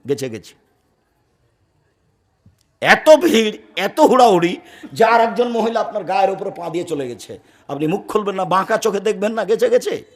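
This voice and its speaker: A man preaching a Friday sermon, forceful and firm, swinging from loud declaiming to low murmurs. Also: lively intonation, moderate pace, long pauses. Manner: speaks firmly and loudly by habit.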